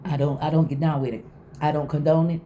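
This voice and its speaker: A woman's voice: sits low, little pitch movement, fast talker, warm tone. A middle-aged woman vlogger chatting casually and candidly to viewers, emphatic, repeating phrases and acting out quotes. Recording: faint background noise.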